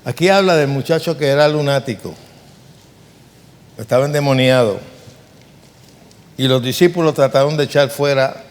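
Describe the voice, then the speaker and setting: A man preaches with earnest emphasis and keeps putting rhetorical questions to his listeners. His voice sits at an ordinary middle pitch. The sound rings out with the long reverb of a large church hall. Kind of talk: sermon.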